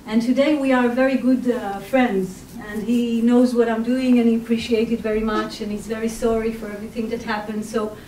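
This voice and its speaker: A woman from Israel with an Israeli accent, a therapist speaking to an audience in a reflective, hesitant way with many pauses. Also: on the high side, little pitch movement, warm tone, a little hiss or hum. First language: Hebrew. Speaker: sex and relationship therapist. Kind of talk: personal talk to an audience. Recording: distant mic in an echoey room.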